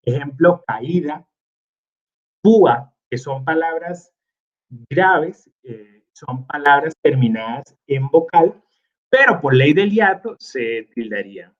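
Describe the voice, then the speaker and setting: A man teaches a recorded slide lesson at a slow, unhurried pace. He stops often on small hesitations as he gathers his thoughts. The audio is dull and lo-fi. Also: on the high side, lively intonation, a bit bright. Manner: slow, with many fillers like "este" and "eh".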